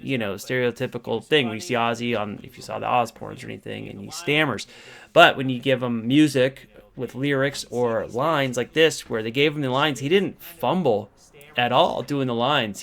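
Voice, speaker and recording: A middle-aged man tells a casual story to camera at an ordinary mid pitch. He is enthusiastic and rambles from one recollection to the next. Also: a bit bright. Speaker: vlogger and creature actor telling behind-the-scenes story.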